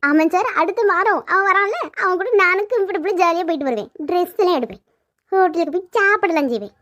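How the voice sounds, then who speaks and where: A woman voicing a sharp-tongued, teasing young woman in a cartoon, firing back quick mocking retorts. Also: extremely high pitch, expressive, no echo, clean studio sound. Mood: sassy. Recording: dull lo-fi sound.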